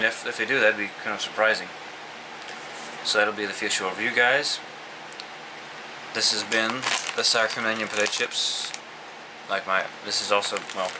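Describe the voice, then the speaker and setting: A man in his twenties with a fairly low voice chats casually to the camera as he reviews food. His phrasing is halting and comes in short pieces. The recording is a homemade one in a room, with clear air-conditioner noise behind him. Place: small indoor room at home, seated.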